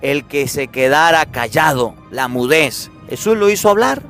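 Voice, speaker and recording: Animated priest preaching, high bright voice. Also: male voice, unhurried, soft background music. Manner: animated storytelling, acting out everyday dialogues. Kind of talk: sermon.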